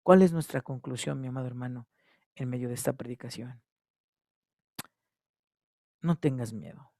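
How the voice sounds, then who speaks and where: A man with a Mexican Spanish accent, preaching a sermon at a church service, repeating his phrases and swinging between loud exhortation and hushed tones. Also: mid-range voice, moderate pace, vocal fry, dry recording, clean studio sound. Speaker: pastor.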